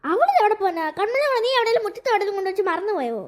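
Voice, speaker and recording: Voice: extremely high pitch, expressive, very fast. A performer voicing a caring older brother in a cartoon, talking in a coaxing way. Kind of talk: cartoon voice acting.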